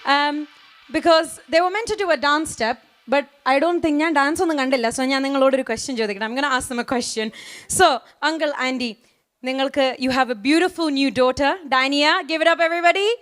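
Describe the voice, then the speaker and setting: A young woman hosting a wedding reception as maid of honor, slightly out of breath, mixing English with Malayalam. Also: high-pitched. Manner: lively, quick announcements, switching between English and Malayalam. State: a little out of breath. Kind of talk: live event hosting over a microphone. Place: large reception hall with loud music.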